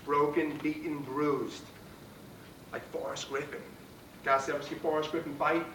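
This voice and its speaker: A man's voice: a little high, steady tone, unhurried. Man giving a rallying pep speech, echoey room. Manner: emphatic, rallying, punches out short phrases. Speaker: guest motivational speaker, fight trainer. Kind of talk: pre-game pep speech. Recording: roomy, distant mic, clear background noise.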